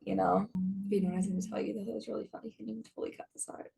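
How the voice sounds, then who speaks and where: A young adult actress chatting casually in an interview, rambling with many restarts and frequent laughs. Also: female voice, mid-range voice, fairly even intonation, rapid-fire, vocal fry, warm tone, slight background noise. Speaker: guest, stage actress.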